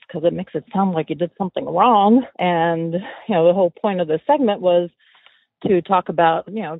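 A woman's voice: on the low side, no room sound. A woman caller leaving a casual voicemail over the phone, hesitant and trailing off. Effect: phone line. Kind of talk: voicemail message to a podcast. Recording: dry tinny phone line.

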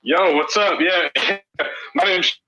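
A man's voice: high voice, slow, pushed and bright. A male caller on a live audio chat, talking casually while his connection breaks up and cuts out. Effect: call audio breaking up, cutting out. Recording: dull lo-fi call audio.

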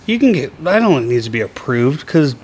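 A man's voice: medium pitch, very animated, fast, darkish tone, breathy edge. A man guesting on a podcast, joking in a crude, blunt way in casual chat.

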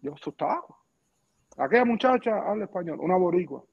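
A middle-aged man with a Cuban accent, a former pitcher telling anecdotes casually in an interview, slangy and lively, acting out the dialogue. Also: fairly quick, vocal fry, breathy edge. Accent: Cuban Spanish. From Cuba. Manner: lively storyteller, slangy asides, acts out dialogue. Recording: muffled lo-fi podcast audio.

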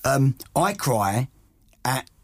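A man, co-hosting a podcast and telling rambling, animated stories full of restarts. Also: mid-range voice, very slow, dry recording, studio quality. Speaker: podcast co-host. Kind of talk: casual chat.

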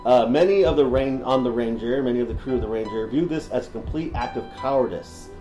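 A man's voice: medium pitch, a little fast, over music. Slangy man telling history, echoey. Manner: slangy, filler-heavy storytelling. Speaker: podcast co-host. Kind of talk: casual history podcast chat. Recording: roomy room echo.

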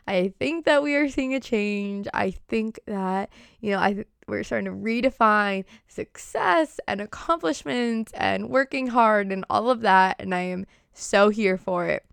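A young woman with a Boston accent chats as a podcast host. Her informal, peppy delivery sits on a smooth, clear tone with frequent vocal fry. The sound is close and dry. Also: medium pitch, expressive, moderate pace, dry recording. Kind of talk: casual solo podcast talk.

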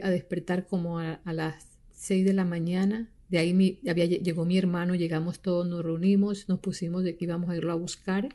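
An older woman giving a personal testimony, speaking haltingly with frequent restarts and repeated words. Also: medium pitch, mellow. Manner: halting, with many restarts and repetitions. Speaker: victim's daughter giving testimony.

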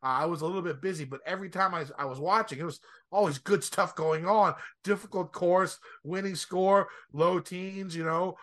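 A man's voice: sits high, fairly even intonation, moderate pace, a bit bright. A man co-hosting a golf podcast, giving a casual, stop-start, rambling recap of tournament play. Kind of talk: casual sports recap commentary.

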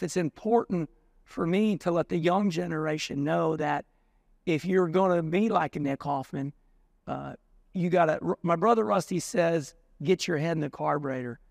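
Gravelly and on the high side, this sixty-something American racing show host spins stories conversationally, animatedly voicing the people he quotes. The studio sound is clean with no echo.

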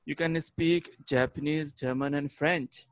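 Joining a casual video-call chat, a man whose first language is Hindi speaks English eagerly yet hesitantly, with frequent fillers. His voice is a little high, his intonation fairly even, and his pace unhurried.

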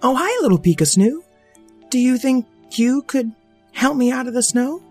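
A woman's voice: sits high, expressive, normal speed, a little mellow, soft background music, pitched above the performer's own voice. A woman voicing a small, childlike magic wand, fretful and pleading in a storybook reading.

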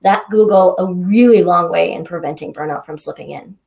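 A woman guest coach answering interview questions thoughtfully, pausing with frequent ums. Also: on the low side, vocal fry, a little mellow. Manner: thoughtful, searching for words, with many ums.

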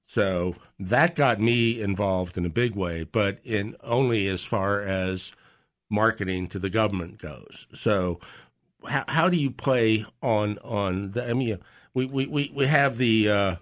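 Podcast host, man, low voice, relaxed talk with quick jokes. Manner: conversational, joking asides. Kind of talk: casual podcast discussion.

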